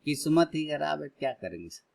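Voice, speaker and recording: A man in his thirties hosting a live trading stream, chatting casually with viewers and loudly urging prices on. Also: fairly high pitch, a little fast, vocal fry. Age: 30s. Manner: excitedly cheers prices on, then chats calmly with viewers.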